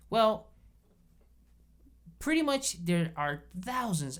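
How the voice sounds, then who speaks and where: A man teaching bass guitar in a casual video lesson, explaining patiently step by step and checking in often. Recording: bass guitar playing between phrases.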